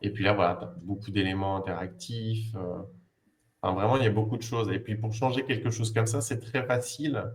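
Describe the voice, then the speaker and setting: A man's voice: on the low side, fairly even intonation, fairly quick. A man, a language teacher, casually presenting learning games on a video call, explaining step by step with many fillers and hesitations.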